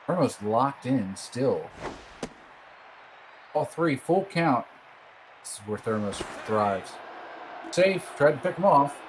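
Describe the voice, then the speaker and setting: A man does casual play-by-play for a baseball game at a middling pitch. The recording is noisy, with scratching and scraping heard behind his voice. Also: lively intonation, slow, long pauses. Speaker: play-by-play commentator. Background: scratching and scraping noises.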